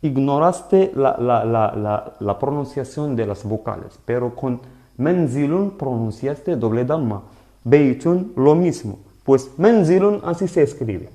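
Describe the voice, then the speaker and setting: A man teaching a live online lesson in Spanish, explaining slowly and patiently and often checking that his students follow. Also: mid-range voice, animated, dark tone. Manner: slow, patient explaining with frequent "¿vale?" checks. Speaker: Arabic teacher.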